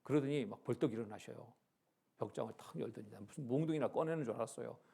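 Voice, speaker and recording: A male pastor telling a story in a church sermon, animated, acting out the dialogue and swinging from loud to hushed. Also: mid-range voice, fast talker, creaky, breathy edge. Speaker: pastor, Bible lecture speaker. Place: church sanctuary.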